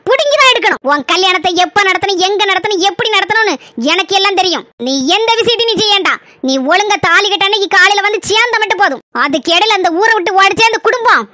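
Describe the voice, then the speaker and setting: A woman's voice: extremely high pitch, bright, forceful tone, no room sound, studio quality, heavily acted. Woman voicing a bossy Kanyakumari mother. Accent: Kanyakumari Tamil. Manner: pleading, then domineering and scolding. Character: worried insistent village mother. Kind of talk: cartoon voice acting.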